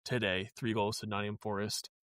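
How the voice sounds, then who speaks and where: A man's voice: fairly low pitch, level tone, fairly quick, fairly bright tone, no room sound, studio quality. A man co-hosting a casual podcast, chatty and wry with a glum edge, often trailing off into fillers. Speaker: podcast co-host.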